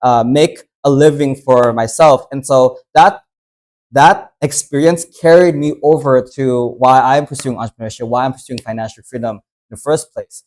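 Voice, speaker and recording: A man who grew up in the United States leads a workshop in a relaxed, talky way. He strings his thoughts together with plenty of "you know" and "uh." His voice sits at an ordinary middle pitch. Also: moderate pace. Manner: conversational, loose, many fillers. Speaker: workshop host. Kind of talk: casual workshop talk.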